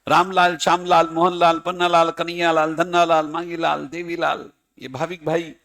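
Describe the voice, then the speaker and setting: Male teacher, slightly high voice, playful classroom lecturer who calls students by name. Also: flat delivery, moderate pace, vocal fry, a bit bright. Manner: playful, addresses students by name, chanting mock examples.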